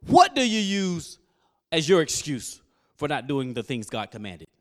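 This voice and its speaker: Animated preacher man, lively high voice. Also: measured pace. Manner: call-and-response with the congregation; animated, rising to loud exhortation. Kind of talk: sermon. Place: church service.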